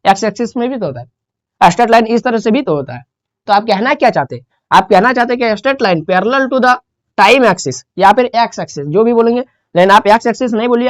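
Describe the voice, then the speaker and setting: A woman's voice: medium pitch, dry recording. A woman teaching a physics lesson, explaining step by step and repeating the key terms. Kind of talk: classroom lecture.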